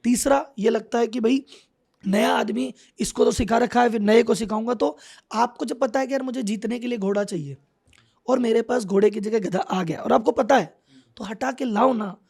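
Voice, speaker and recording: A middle-aged man talks through business lessons in an animated conversational way. His voice is high for a man and gravelly, with a husky edge. He often acts out the thoughts of the people in his examples. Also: normal speed. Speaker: business coach, podcast guest.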